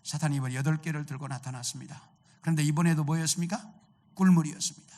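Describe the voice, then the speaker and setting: A man's voice: on the high side, fairly even intonation, fast, darkish tone. A male pastor preaching a sermon, telling a story and asking the congregation rhetorical questions.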